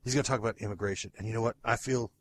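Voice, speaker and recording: A man's voice: on the low side, steady tone, very fast, slight background noise. A man playing an exasperated, bossy radio talk show host in a comedy sketch.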